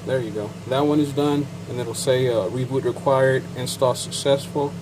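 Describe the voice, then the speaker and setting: A certified payment terminal technician, bilingual in English and Spanish with a Chicano Mexican-American accent, casually walks through a technical setup in a how-to demo, rambling with fillers and asides. His voice is mid-range with fairly even intonation at a normal pace, against a noisy background.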